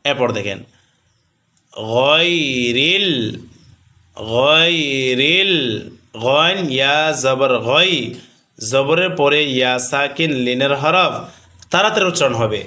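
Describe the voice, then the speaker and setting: A man teaching Quran recitation rules, chanting drawn-out examples and then explaining quickly, asking questions and answering them himself. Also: medium pitch, expressive, sharp tone. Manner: slow sung recitation alternating with rapid rule explanations.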